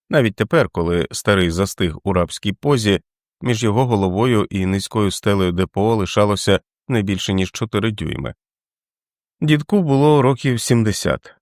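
A man reading a novel aloud as an audiobook, in a steady, measured way. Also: fairly low pitch, no echo, clean studio sound. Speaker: audiobook reader. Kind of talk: scripted narration.

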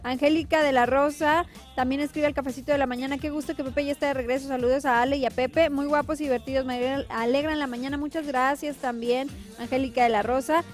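A woman's voice: sits high, steady tone, fast, few pauses, soft background music. A woman co-hosting a live morning TV show, chatty, giving weather advice and reading viewer greetings, with a Northern Mexican accent. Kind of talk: lively morning TV chat. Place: TV studio.

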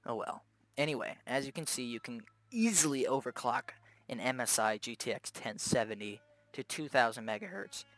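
Amid loud fans at his home gaming setup, a young man hosting a tech video gives casual, unscripted commentary on overclocking his graphics card. He speaks at a moderate pace in a mid-range, fairly bright voice, staying chatty and relaxed, full of fillers, with an occasional swear.

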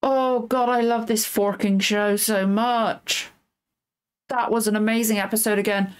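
A woman's voice: a little high, steady tone, clean tone. Gushing woman reacting to a show. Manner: gushing, effusive, quick asides. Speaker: reaction video host. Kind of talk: casual reaction commentary.

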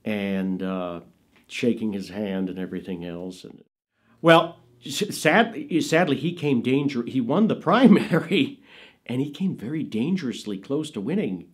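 Being interviewed in a small studio with dark curtains, an American actor and filmmaker in his fifties shares casual, chatty stories about his father in true raconteur style. He speaks unhurriedly but animatedly, in a husky, medium-pitched voice.

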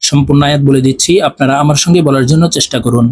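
A man teaching Quran recitation, spelling Arabic letter by letter and then chanting the verses slowly and drawn out. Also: mid-range voice, a little mellow, husky. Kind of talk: spelling lesson with slow recitation.

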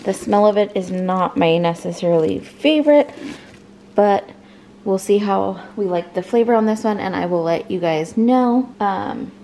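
A woman's voice: mid-range voice, normal speed, dark tone, slight background noise. A woman in her forties talks through her cooking in a home kitchen, chatty and easygoing, often stopping to correct herself mid-sentence. She records on a handheld phone as she moves around the counters. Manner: chatty, talks while cooking, many restarts. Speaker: home cook vlogger. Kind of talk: casual cooking vlog narration.

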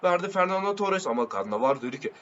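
A young man commentates his football video game as he plays, animated and quick to shout when a chance comes. His voice sits a little high. The recording has a muffled, lo-fi sound. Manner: animated, shouts at plays, slangy banter with viewers. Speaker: gaming video creator. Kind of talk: excited live gameplay commentary.

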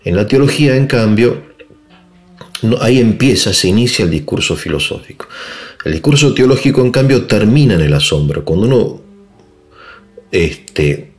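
A man's voice: fairly low pitch, animated, normal speed, faint music behind. A middle-aged man gives an informal philosophy lecture, with many fillers and tag questions. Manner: conversational, often adds tag questions; digressive with frequent fillers.

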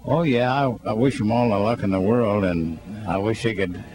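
An older man speaking in a plain-spoken, deliberate way into a handheld mic in a shopping mall. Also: fairly low pitch. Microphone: handheld mic held by interviewer.

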